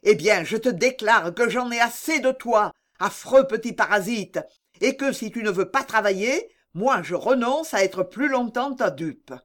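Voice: mid-range voice, expressive, measured pace, pitched above the performer's own voice, close to an everyday voice. Reader doing scornful controlling stepfather, storybook, scolding. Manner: contemptuous, scolding. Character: irritable domineering stepfather.

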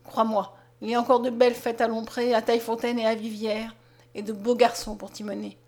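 A woman reading the part of a gentle, sorrowful blind young peasant man in an audiobook, speaking softly and low. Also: level tone, a little fast. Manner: soft, low and tender.

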